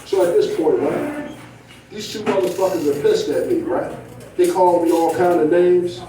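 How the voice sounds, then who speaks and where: Man, stand-up comedian, high voice, mellow tone, profane storytelling, keeps asking "right?", echoey room, distant mic. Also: moderate pace, slight background noise. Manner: profane, tags lines with "right?". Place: comedy club stage.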